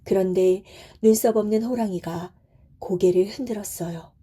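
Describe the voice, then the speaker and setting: A woman narrating a bedtime folk tale in a soft, soothing, gentle way. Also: medium pitch, moderate pace, slightly rough. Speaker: storyteller.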